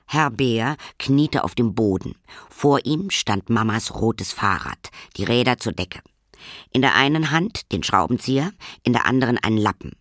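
Man reading a children's story, lively pitch, expressive, dry close sound. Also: moderate pace, dry recording. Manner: expressive, sing-song storytelling. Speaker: narrator.

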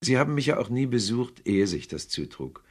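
A man voicing an earnest, warm-hearted young man who pleads with his uncle in a storybook reading. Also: medium pitch, very animated, brisk, voice pushed up.

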